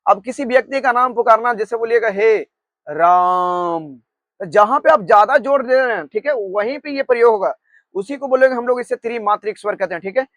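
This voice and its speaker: High-voiced man teaching grammar. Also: fast, a bit bright, no echo. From Bihar, India. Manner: repeats "ठीक है" often, dictates notes word by word. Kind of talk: Hindi grammar lesson, explaining and dictating.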